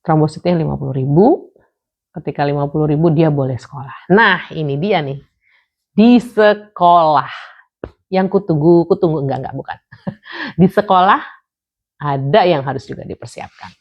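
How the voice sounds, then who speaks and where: A woman's voice: sits low, normal speed, pauses often. A middle-aged woman telling a personal story in a casual, chatty way, with many fillers and restarts and English words mixed into her talk. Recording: dull lo-fi sound.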